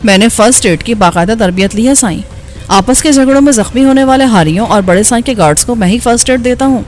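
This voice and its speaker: A woman's voice: on the high side, lively intonation, natural voice. A woman reader voices a dutiful male servant in an audiobook thriller. He speaks respectfully and steadily, in a plain reading voice with faint music behind. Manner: respectful, calls his master "sain". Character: loyal male servant with first-aid training.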